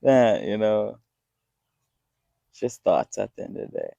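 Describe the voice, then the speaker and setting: A young man in his twenties with a low, mellow voice gives a loose, heartfelt pep talk straight to his viewers. He rambles and swears freely, earnest throughout. The sound is close and dry with no room around it. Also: very animated, a little slow, vocal fry, dry recording. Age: 20s. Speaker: vlogger. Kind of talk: casual motivational talk to camera.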